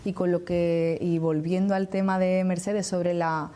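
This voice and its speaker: A woman with an Andalusian accent explaining things as an interview guest, measured and didactic, pausing to choose her words. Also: lowish voice, flat delivery, mellow. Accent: Andalusian Spanish. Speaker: interview guest, academic researcher.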